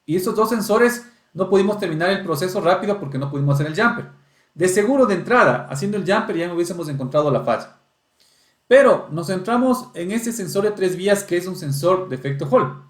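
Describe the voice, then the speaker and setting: A man's voice: sits high, expressive, fairly quick, reverberant. A man teaching automotive electronic diagnostics, explaining step by step and checking in with the class. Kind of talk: technical lesson walkthrough.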